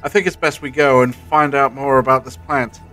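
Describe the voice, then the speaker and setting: A man plays an eccentric, commanding time traveller in an audio drama. His voice is bright and crisp-edged at a middling pitch, with deliberate, old-fashioned, theatrical phrasing. Music plays lightly behind him. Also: fairly even intonation, natural voice, rough recording. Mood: intrigued.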